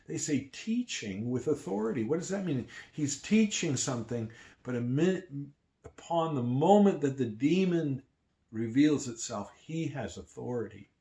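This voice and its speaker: A man preaching a sermon to his church, shifting between emphatic lines and hushed ones. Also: mid-range voice. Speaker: pastor.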